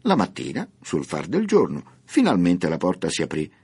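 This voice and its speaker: Expressive low-voiced male storyteller. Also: moderate pace, slightly rough. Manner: expressive, lively storytelling intonation. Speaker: narrator. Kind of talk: storybook narration.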